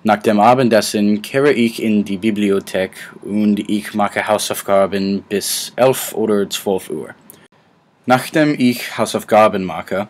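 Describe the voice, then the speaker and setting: 19 yr old american guy, english native, reading out his class project slow and careful, lowish voice. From United States. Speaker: student. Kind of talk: read class presentation.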